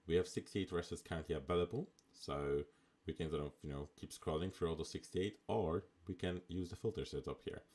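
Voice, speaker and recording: Speaking into a desktop mic on a live stream, a man with a very deep, gravelly voice offers casual commentary while he plays a game. He's laid-back and talkative, thinking out loud with lots of offhand asides, and he talks fairly quickly with barely any pauses.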